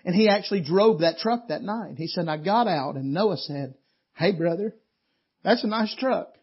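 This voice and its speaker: High-voiced preacher man, husky. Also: normal speed. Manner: folksy, animated storytelling with laughs. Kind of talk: storytelling sermon. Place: church meeting. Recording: dull lo-fi church audio.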